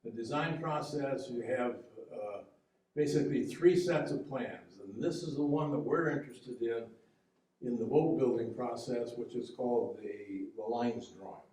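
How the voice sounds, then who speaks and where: A man walks an audience through boat-building slides, explaining each step patiently with frequent restarts. His voice is mellow and relaxed. He sounds set back from the microphone in a boomy, echoing room. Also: distant mic. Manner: explanatory, halting with fillers and restarts. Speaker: local history talk presenter, boat builder. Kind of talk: public history lecture with slides. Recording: echoey room, heard from afar.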